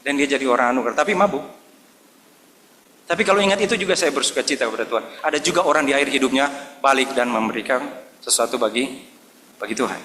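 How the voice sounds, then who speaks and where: A male pastor delivering a Sunday sermon at a middle pitch, telling a story and acting out the voices of the people in it. His voice rings with a long reverb from the church hall. A faint noise sits underneath. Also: fast talker, pauses often, a bit bright. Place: church service.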